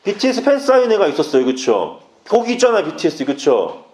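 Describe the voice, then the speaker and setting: A man preaching a youth sermon in an echoey church hall, his voice sitting on the higher side and swinging widely up and down. He presses his listeners with urgent, direct appeals and breaks in with playful asides. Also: wildly swooping pitch, a little fast, darkish tone. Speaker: junior pastor. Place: church sanctuary.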